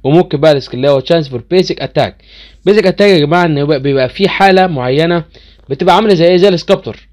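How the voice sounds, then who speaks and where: Fast-talking Egyptian man explaining a game. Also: a little high, darkish tone. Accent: Egyptian Arabic. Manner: chatty, addresses viewers directly, easily incredulous. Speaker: gaming channel host. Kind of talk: casual game commentary explaining skills.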